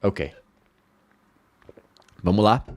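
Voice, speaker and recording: A Brazilian man giving an English lesson in Portuguese, repeating phrases slowly for viewers to say aloud. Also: lowish voice, no room sound. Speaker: English teacher.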